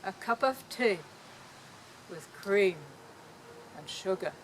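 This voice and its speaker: A woman voicing a gentle, thoughtful older British male artist in an attempted English accent, speaking slowly and tenderly outdoors. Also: on the high side, a little hiss or hum, low-quality recording. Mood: musing. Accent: English, as put on. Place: outdoor park.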